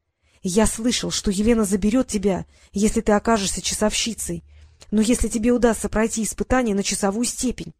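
Woman doing a nervous little brother, talks slow and unsure, dry close sound. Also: mid-range voice, steady tone, darkish tone, breathy edge, dry recording, lightly acted. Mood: urgent. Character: anxious young brother, secretive and touchy.

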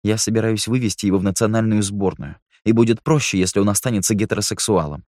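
A blunt, driven young athlete lays down the law in a stern, lecturing tone, read by a man. The voice sits low and deep, close and dry on the mic, with no room sound. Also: fast, darkish tone, no echo, lightly acted.

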